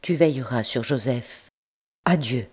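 Impassioned young male rebel, grave and fervent, read by a woman narrator, measured and low-toned. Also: warm tone.

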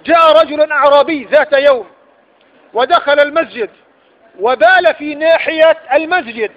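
High-voiced Egyptian preacher, lo-fi. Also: male voice, normal speed. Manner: rhetorical questions, emphatic repetition. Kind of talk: religious lecture. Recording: dull lo-fi recording.

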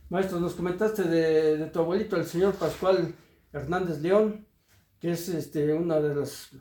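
A man hosts a community radio interview with formal, courteous phrasing and the odd "este" filler. His voice sits a little high but sounds dark and mellow. The recording carries a roomy echo. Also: fairly even intonation, a little slow.

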